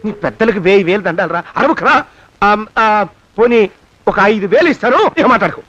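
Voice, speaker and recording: An actor playing a stingy, scheming moneylender who panics, grumbles and haggles in a film comedy scene. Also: male voice, high-pitched, animated, brisk, fairly bright tone, no echo, muffled recording. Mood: haggling. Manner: grumbling, panicky, moans under his breath. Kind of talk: Telugu film comedy acting.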